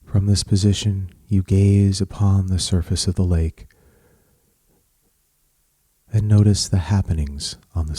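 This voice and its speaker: Speaking in a low, mellow voice, a man guides a meditation at a very slow, measured pace. His soothing short phrases leave space between them, and the recording is dry.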